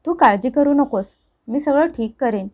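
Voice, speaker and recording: A woman's voice: high-pitched, lively intonation, moderate pace. A woman voicing a pressured young husband, tense and pleading, dull lo-fi sound. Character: young married man, troubled and pressured son.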